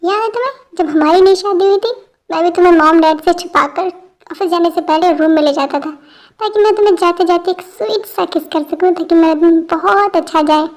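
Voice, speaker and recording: A woman's voice: very high-pitched, fairly quick, voice pushed up. A woman voicing a jovial, fond middle-aged father.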